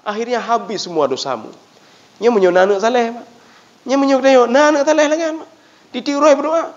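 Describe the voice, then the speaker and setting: Acehnese male preacher, animated storyteller, high expressive voice, muffled lo-fi recording. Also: a little fast. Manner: lively, animated storytelling, often addressing listeners as "Pak". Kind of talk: sermon. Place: prayer room. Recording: dull lo-fi sound.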